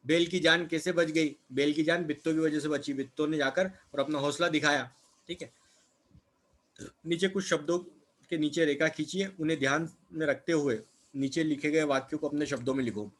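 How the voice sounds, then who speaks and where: A man's voice: on the high side, fairly even intonation, normal speed, fairly bright tone. A man teaching a children's textbook lesson, asking questions and then answering them himself, checking in with little tag phrases. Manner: asks questions then answers them, repeats words with "है ना" and "ठीक है".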